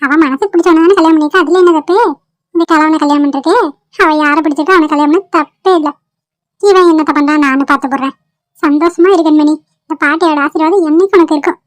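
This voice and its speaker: A fretful old grandmother, voiced by a woman wails and pleads in a high, thin voice. This is a homemade cartoon with dry, close audio. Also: steady tone, fast talker, no echo, lightly acted. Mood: relieved. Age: older. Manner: wailing, pleading, high-pitched. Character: fretful elderly grandmother, weepy yet kindly. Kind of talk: amateur cartoon voice acting.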